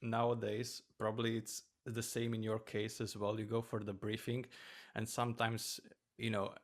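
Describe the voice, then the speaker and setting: A man from Romania, a flight attendant and host, chatting casually with a relaxed, storytelling manner. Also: on the low side, normal speed. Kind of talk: casual chat.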